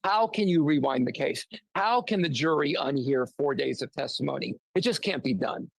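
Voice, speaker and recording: A man's voice: on the high side, lively intonation, normal speed, vocal fry, no room sound. A man speaking as a defense attorney in a remote news interview, arguing emphatically and posing rhetorical questions. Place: near a road with passing traffic.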